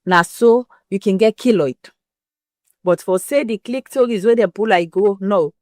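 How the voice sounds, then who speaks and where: A woman's voice: medium pitch, normal speed, darkish tone, no echo, studio quality. A woman with a West African Pidgin English accent explains things frankly and emphatically in an interview, using everyday comparisons. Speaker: interview guest explaining women's health.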